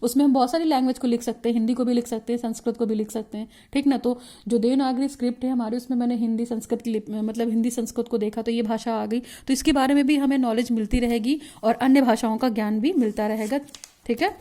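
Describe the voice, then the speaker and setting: A woman with an Indian accent giving an explanatory lecture as a teacher. She reads points out slowly in English, then explains them and keeps checking in with her listeners. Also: fairly high pitch, fairly even intonation, warm tone.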